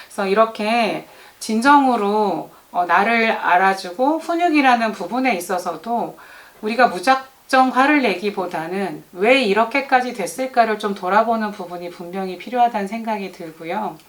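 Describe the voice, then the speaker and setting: A middle-aged woman, an early childhood teacher, giving parenting advice in a gentle tone and speaking straight to mothers. She acts out what children and teachers say. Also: mid-range voice, normal speed.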